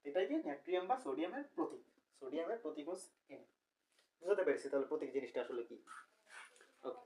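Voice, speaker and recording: A man's voice: a little high, sing-song, quick pace, a little mellow, distant mic, slight background noise, rough recording. A young man teaching a recorded chemistry lecture, explaining step by step and asking the class questions, correcting himself as he goes.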